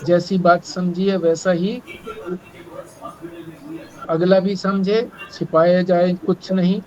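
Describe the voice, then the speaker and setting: A man's voice: sits high, flat delivery, takes it slowly, darkish tone, muffled recording. A man teaching scripture in a sermon, explaining with stories in a conversational way. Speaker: spiritual teacher.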